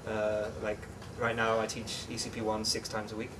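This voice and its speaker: A young English-born man raised in the Netherlands, talking as an interview guest in a relaxed, chatty way with many fillers and restarts. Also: fairly low pitch, moderate pace. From England, raised in the Netherlands. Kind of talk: casual interview chat. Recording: distant mic with clear background noise.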